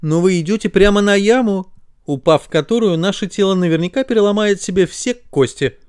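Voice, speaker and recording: The body's eyes as a cautious, sensible figure in a children's storybook, sounding a warning, as a dad puts them on. The voice is pitched well above the storyteller's own and is a bit louder. The recording is close and dry. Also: male voice, brisk, smooth, no room sound, natural voice.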